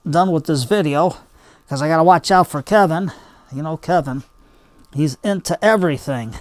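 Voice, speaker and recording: A man's voice: fairly high pitch, no room sound. An older man hosting a hobby gardening video, chatting casually in a homespun, rambling way as he demonstrates by hand. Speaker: bonsai hobby video host.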